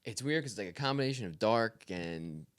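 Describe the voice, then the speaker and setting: An easygoing man co-hosting a music podcast, trading casual opinions on songs. He talks quickly in a low voice and laughs readily. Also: lively intonation, clear, resonant tone. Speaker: podcast co-host. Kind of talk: casual music review chat.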